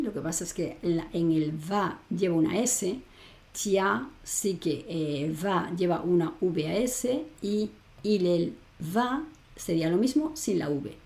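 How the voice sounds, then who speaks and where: A woman's voice: on the low side, warm tone. A woman from Spain teaching French grammar in an online lesson, explaining patiently and often checking in with the learner. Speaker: language teacher.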